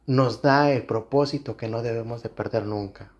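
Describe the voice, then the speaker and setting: Man, pastor, sermon, earnest, repetitive phrasing, mid-pitched. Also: moderate pace, a little mellow, muffled recording. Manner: earnest, repeats phrases for emphasis.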